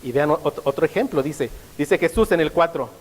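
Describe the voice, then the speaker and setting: A man's voice: a little high, animated, fairly quick, big-room sound, low-quality recording. A male pastor preaching a sermon, often stopping to ask the congregation rhetorical questions.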